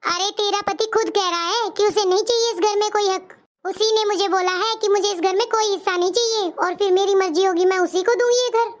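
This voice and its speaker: A scheming old mother-in-law from a cartoon story, voiced by a woman, sweet-talking with a sugary, wheedling manner. The voice sits very high. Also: fairly even intonation, a little fast, few pauses, lo-fi sound. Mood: defensive. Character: scheming elderly mother-in-law who plays favourites.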